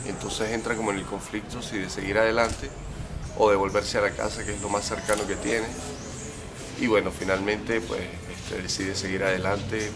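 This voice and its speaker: Young Venezuelan man, low-pitched. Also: level tone, normal speed. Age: young adult. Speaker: filmmaker guest. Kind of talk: festival interview. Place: outdoors by a building entrance.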